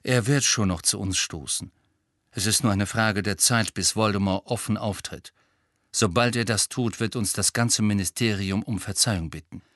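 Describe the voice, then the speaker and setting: A man's voice: lowish voice, moderate pace, fairly bright tone, dry recording, clean studio sound, natural voice. A man playing a blunt, resentful wizard who speaks with bitterness. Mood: bitter. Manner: abrupt, bitter.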